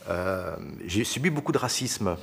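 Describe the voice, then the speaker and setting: A man's voice: on the low side, lively intonation, a little slow, vocal fry, fairly bright tone. A man in his sixties giving an interview testimony in a conversational way. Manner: conversational with fillers.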